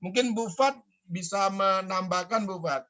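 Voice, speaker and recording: A man's voice: high voice, measured pace, sharp tone. A man from the school staff replying to students' suggestions on a video call, hesitant, with many fillers and restarts. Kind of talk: online school forum reply.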